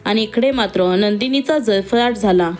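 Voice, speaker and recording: A woman narrating a family drama in a steady, measured storytelling manner. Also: medium pitch, faint music behind.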